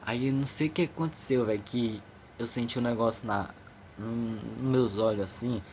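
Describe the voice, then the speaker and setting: A man's voice: medium pitch, moderate pace, a little mellow. Nervous teen guy, rambly slangy storytelling, faint noise behind. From Amazonas, northern Brazil. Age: teenager, 15. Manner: slangy, rambling, many restarts. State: a bit nervous. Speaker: vlogger. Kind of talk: casual personal storytelling.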